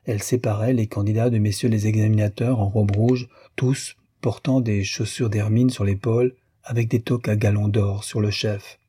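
Male audiobook narrator, measured literary reading, low husky voice. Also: steady tone, dark tone, dry recording.

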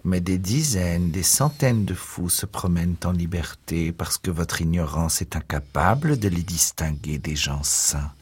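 A man voicing an enraged, bitter male asylum inmate who shouts and spits contempt in a read-aloud story. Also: sits low, a little slow, few pauses, husky, full character voice.

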